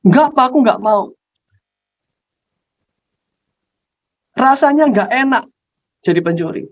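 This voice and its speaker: A preacher doing a frantic young son. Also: male voice, extremely high pitch, lively intonation, moderate pace, dry recording, pitched above the performer's own voice. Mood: reluctant. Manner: shouting, agitated. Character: young adult son, anxious, reluctant thief. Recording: dull lo-fi recording.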